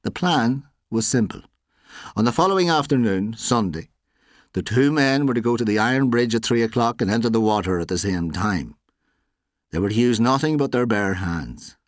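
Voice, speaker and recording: A man reading a story aloud as narrator, in a measured, expressive storytelling manner. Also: on the low side, no echo, clean studio sound.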